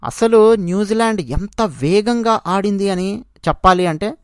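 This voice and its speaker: A cricket channel host delivers cricket commentary, recapping play in a conversational, emphatic way. The voice sits at a middling pitch and speaks straight to listeners. The sound is dry, with little room around it. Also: unhurried, clean tone, no room sound.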